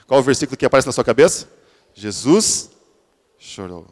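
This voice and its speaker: A man's voice: medium pitch, very animated, moderate pace. A man preaching a sermon in a church, often restarting his words and then building to emphatic peaks. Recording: church sermon with long hall reverb.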